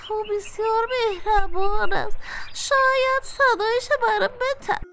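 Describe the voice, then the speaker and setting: A woman's voice: very high-pitched, music in the background, voice pushed up. A woman voicing a sad young male turkey who hates his own voice, whiny and sighing. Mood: gloomy. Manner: whiny, sighing, self-pitying.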